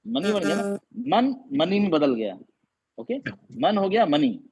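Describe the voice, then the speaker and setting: A man's voice: high-pitched, very animated, a little slow, a little mellow, slightly rough. A male Quran teacher explaining reading rules in an online class, patiently quizzing his students again and again. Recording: dull lo-fi audio.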